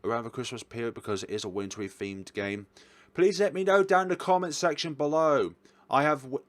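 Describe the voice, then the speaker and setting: A game-reviewing video host speaks in a medium-pitched voice with no echo. He gives relaxed tier-list commentary, rambling informally and correcting himself as he talks.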